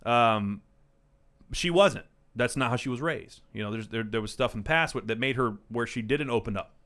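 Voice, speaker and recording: At normal speed and medium pitch, a man in his thirties with a fairly bright tone co-hosts a podcast's casual group conversation. He tells stories and offers advice in a rambling, emphatic way, cursing without restraint.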